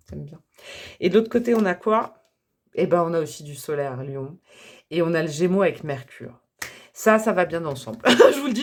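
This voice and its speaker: Chatty woman reading tarot. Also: medium pitch. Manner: chatty, enthusiastic, laughs often. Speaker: tarot reader. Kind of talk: casual tarot reading to camera.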